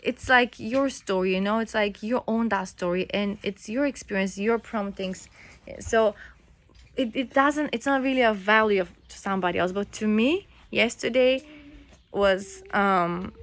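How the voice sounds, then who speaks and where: A young mother with a first language other than English, telling a story at home in a casual vlog, halting, with fillers and restarts. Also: mid-range voice. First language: not English. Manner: chatty, halting, with many fillers and restarts, breaks off to coo at her baby. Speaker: mother and vlogger.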